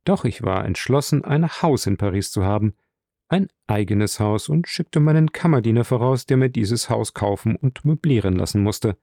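A man reading the part of a reserved, worldly wealthy count in a calm, measured way in an audiobook. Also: lowish voice, no echo, studio quality. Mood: composed.

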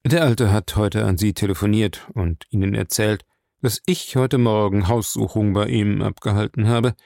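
A man's voice: on the low side, moderate pace, gravelly, a little mellow, dry recording, clean studio sound. A man voicing a blunt, interrogating male police captain in an audiobook. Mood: stern.

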